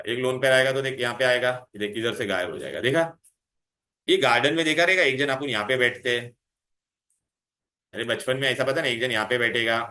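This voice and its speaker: Coaxing chemistry teacher, echoey room. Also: male voice, medium pitch, bright, forceful tone. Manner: coaxing, calls students "beta", quizzes them constantly. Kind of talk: revision lecture to students.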